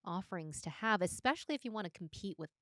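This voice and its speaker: A woman co-hosting a podcast in casual chat, agreeable and quick to affirm. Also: medium pitch, animated, dry recording, clean studio sound. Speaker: podcast co-host.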